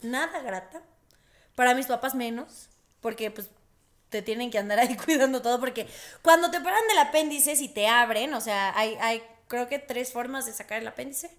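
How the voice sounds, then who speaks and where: A woman's voice: a little high, fairly quick. A young woman with a Mexican accent, chatting casually as a podcast co-host and telling stories with lots of laughter and acted-out quotes. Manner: animated storyteller, laughs often, acts out quotes. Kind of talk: casual chat.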